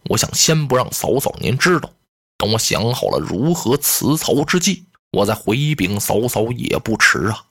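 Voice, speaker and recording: A male storyteller voicing a dignified, loyal heroic general in a deep, slow and grave voice. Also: sing-song, fairly bright tone, slightly rough, full character voice. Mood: solemn.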